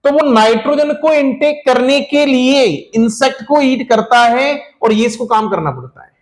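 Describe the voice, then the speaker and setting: A man with a strikingly high-pitched voice teaches a class in a lecture style. He keeps putting rhetorical questions to his students, whom he calls children, and he repeats the main points. English terms are mixed into his speech. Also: moderate pace. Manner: mixes English terms into Hindi.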